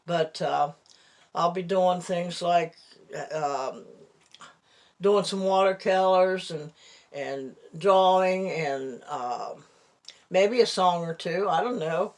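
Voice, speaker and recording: A woman of about eighty talking casually and haltingly in a personal vlog, her lips over her gums with few teeth, slightly slurring her words. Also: fairly low pitch, a little mellow. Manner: slow, halting, rambling delivery. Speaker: vlogger.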